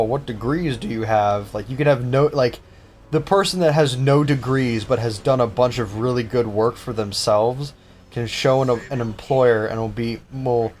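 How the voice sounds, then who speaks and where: A young man chats casually while he plays, reacting to what happens on screen. His voice has a middle pitch, and a light noise sits behind it. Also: a little mellow. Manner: chatty, reacts to the game. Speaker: co-host. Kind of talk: casual gaming chat.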